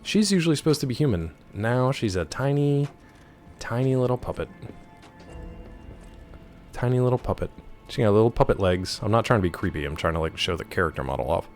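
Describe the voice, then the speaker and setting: A man's voice: lowish voice, very animated, fast talker, few pauses, soft background music. A man giving casual, rambling gameplay commentary, joking playfully as he chats with his viewers. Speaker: game streamer.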